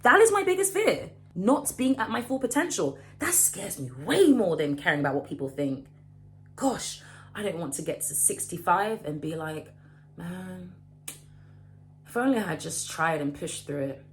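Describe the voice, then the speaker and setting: A woman in her late twenties giving a casual motivational talk to camera, animated and emphatic, often repeating and restarting her phrases. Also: on the low side, moderate pace, slight background noise. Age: late 20s. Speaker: vlogger.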